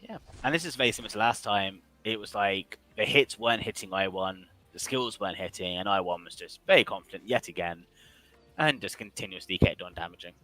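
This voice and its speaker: A man's voice: fairly low pitch, pushed and bright, faint music behind, rough recording. A man casting an online game league match, chatty and joking, who grew up with another first language besides English. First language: not English. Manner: joking, chatty, quick to apologize. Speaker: esports commentator. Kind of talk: casual game commentary.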